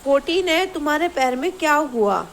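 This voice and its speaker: A woman teacher explaining a grammar exercise to schoolchildren, asking the class questions and reading example sentences slowly. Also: high voice, lively intonation, slight background noise, poor audio. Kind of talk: Hindi grammar lesson to schoolchildren.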